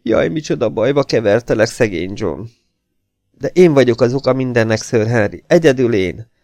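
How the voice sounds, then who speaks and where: A man puts on an anxious housekeeper woman in a storybook, her voice lifted high and pleading, with a gravelly edge underneath. She sounds close and dry, as if confessing a family secret in fear. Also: lively intonation, darkish tone, no echo, lightly acted. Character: frightened, pleading middle-aged housekeeper woman.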